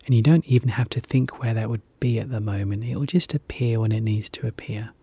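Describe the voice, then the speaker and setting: A relaxation guide leading a guided hypnosis session in a soft, soothing whisper, repeating gentle calming phrases. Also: mid-range voice, a little fast, breathy edge, no echo.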